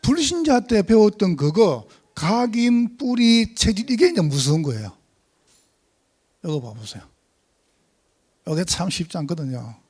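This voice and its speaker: A male pastor delivers a sermon in a high, very animated voice that leaps up and down in pitch. He is emphatic and swings from loud calls to hushed asides. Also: measured pace, long pauses, slightly rough.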